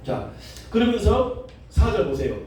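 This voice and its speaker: A pastor from Jeolla, South Korea, with a Jeolla Korean accent, teaches a Bible class in a seminary classroom, his male voice high, lively and dark in tone yet unhurried. He jokes and asks the class questions. Heard from a distance, the recording is echoey with slight background noise.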